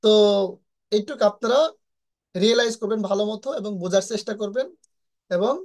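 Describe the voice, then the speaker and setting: A woman's voice: mid-range voice, fairly quick, darkish tone. A woman teaches an online English lesson. She walks through each point step by step, asking rhetorical questions and checking in with her listeners as she goes. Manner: explains step by step, asks rhetorical questions, frequent "হ্যাঁ?" checks.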